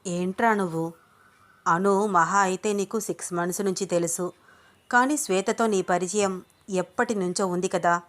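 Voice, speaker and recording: A blunt, practical young man who gives straight advice to his friend, read by a woman storyteller. He speaks directly and firmly, at mid pitch. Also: steady tone, normal speed, natural voice. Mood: advising.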